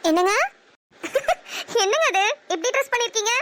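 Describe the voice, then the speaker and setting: Cartoon young wife with a Namakkal Tamil accent, playful and bossy, chatty in a very high voice, woman voicing her. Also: expressive, moderate pace, fairly bright tone, no room sound. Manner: chatty, bantering. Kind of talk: cartoon voice acting.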